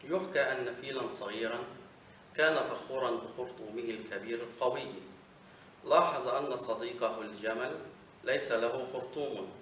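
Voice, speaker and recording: A man teacher reading a children's bedtime story aloud in a measured, formal way. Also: medium pitch, fairly bright tone. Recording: echoey room, distant mic, faint noise.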